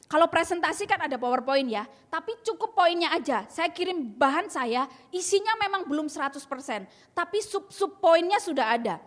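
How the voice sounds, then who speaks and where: High-voiced young woman preaching in a hall. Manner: earnest, emphatic storytelling, acting out dialogue. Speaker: speaker sharing a testimony. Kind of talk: testimony sermon. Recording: long reverb in a large hall.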